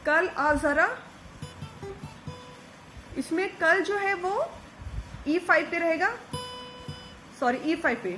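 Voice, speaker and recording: A woman giving a patient step-by-step guitar lesson, singing short lyric snippets slowly between explanations. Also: very high voice, sharp tone, rough recording. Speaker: guitar teacher. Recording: faint guitar behind voice.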